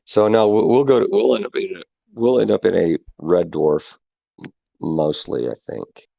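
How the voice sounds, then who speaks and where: A man's voice: sits low, moderate pace, creaky, warm tone, dry recording. A man chatting casually and bluntly on a headset mic that keeps cutting out, so his volume drops in and out. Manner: blunt, offhand, swears freely. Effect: mic cutting out, volume dropping in and out. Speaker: livestream co-host. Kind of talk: casual chat. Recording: muffled headset mic that cuts out.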